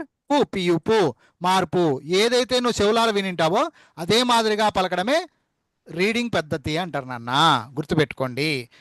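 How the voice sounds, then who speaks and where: A male spoken English teacher gives an online lesson, slowly repeating syllables to drill spelling and fondly calling his students amma and nanna. His voice is high-pitched and a bit bright, and the recording is dry.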